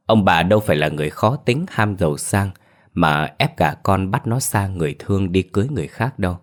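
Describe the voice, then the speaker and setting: Man, storyteller, ghost story narration, calm, measured, very low voice.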